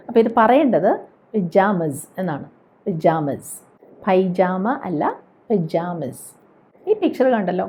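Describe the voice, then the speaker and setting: A woman from Kerala leads a pronunciation lesson and says each example word again slowly and carefully. Her voice sits at a middle pitch. The recording sounds a little dull and lo-fi. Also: slightly rough. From Kerala, India. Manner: slow, careful repetition of example words. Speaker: English teacher.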